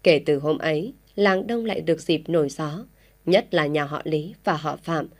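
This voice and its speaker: Woman narrating a story, lowish voice. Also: normal speed. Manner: steady storytelling reading. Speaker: audiobook narrator.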